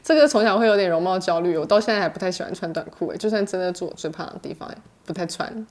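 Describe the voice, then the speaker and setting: Quick chatty woman, teasing, laughs a lot. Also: lowish voice. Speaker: podcast co-host. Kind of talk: casual chat.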